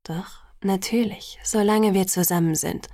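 Audiobook: woman voicing a soft-spoken, tender young man, half-whispered, slightly gravelly. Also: medium pitch, fairly even intonation, measured pace, dry recording, studio quality, lightly acted. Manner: hushed and gentle, half-whispered. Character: calm, tender young man, softly reassuring. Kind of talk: audiobook character voice.

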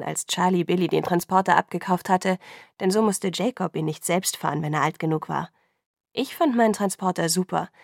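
A woman narrating an audiobook in first person, calm and measured, close to the mic. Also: lowish voice, creaky, no room sound.

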